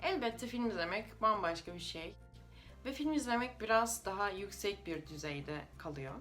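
A woman's voice: medium pitch, expressive, normal speed, a bit bright, soft background music. A native Russian woman with a Russian accent explains things informally to viewers in a foreigner's slightly unidiomatic Turkish. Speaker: language-learning video creator.

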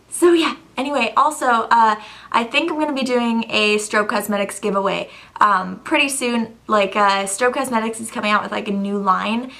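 A young woman with a fairly high voice talks casually to her viewers as a video blogger. She is gushing and giggly, with an informal, bubbly delivery. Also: vocal fry, fairly bright tone. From Canada. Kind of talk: casual chat to camera.

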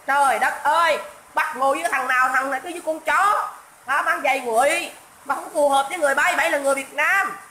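Host: woman, high bright voice, scornful scolding rant, echoey room. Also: brisk, a little hiss or hum. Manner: mocking, scolding, insulting, repeats herself. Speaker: livestream host. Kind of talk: political rant livestream.

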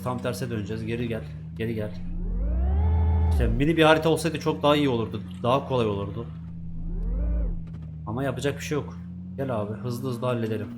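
A man's voice: mid-range voice, noisy background. A man giving casual let's-play commentary, chatting to himself and swearing at the game's characters. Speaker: gaming YouTuber.

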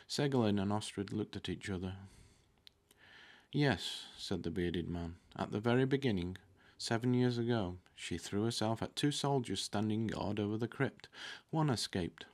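Seated at a desk in a curtained room, a man in his thirties reads a fantasy novel aloud into a desktop mic placed close in front of him. His voice is fairly low and darkish, and he keeps a moderate pace. Now and then he trips over a word and corrects himself.

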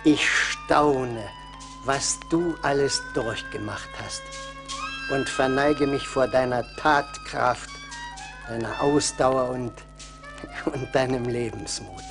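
Slow, humble Sindbad the Porter. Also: male voice, medium pitch. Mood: admiring. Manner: reverent, deliberate. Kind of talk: German radio play dialogue. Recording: vinyl record transfer with music behind.

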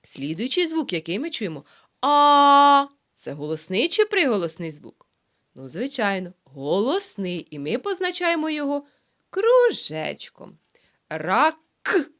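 A woman teaching a phonics lesson to young children, sounding out words slowly syllable by syllable. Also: a little high, very animated, fairly bright tone. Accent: Ukrainian. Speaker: preschool teacher.

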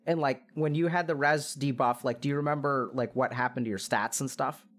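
A man's voice: medium pitch, a little fast, fairly bright tone. A man streaming and talking casually, coaching a guest with earnest game analogies. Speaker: streamer giving life advice.

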